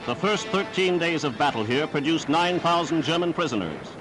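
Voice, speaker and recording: 1940s newsreel man, higher-pitched, over music. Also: sing-song, normal speed, low-quality recording. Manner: formal, declamatory. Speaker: newsreel narrator. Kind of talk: 1940s newsreel narration, scripted.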